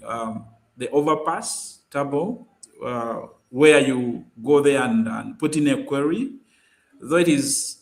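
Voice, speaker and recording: A man guest on a webinar, explaining mapping data tools with many fillers and restarts. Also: mid-range voice. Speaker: guest speaker.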